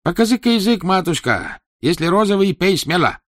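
A man voicing an excitable older Greek court physician, fawning and shrill. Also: moderate pace, dry recording, studio quality. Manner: shrill, fawning, loudly protesting.

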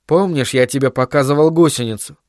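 A man's voice: mid-range voice, fairly quick, a little mellow, no echo, clean studio sound, close to an everyday voice. A man voicing an agitated, stubborn middle-aged male scientist who talks in emphatic, heated bursts. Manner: heated, emphatic, pleading at times.

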